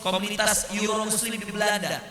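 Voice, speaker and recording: A male preacher from South Sulawesi giving an animated sermon, asking the audience rhetorical questions. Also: high voice, brisk. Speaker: Islamic preacher. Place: lecture hall of a prayer gathering. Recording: echoey reverberant hall.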